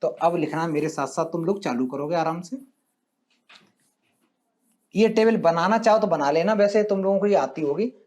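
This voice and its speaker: A man's voice: a little high, moderate pace, pauses often, a little mellow. A male maths teacher giving a classroom lecture, coaxing his students with questions and affectionate calls of "beta" and "bachcha".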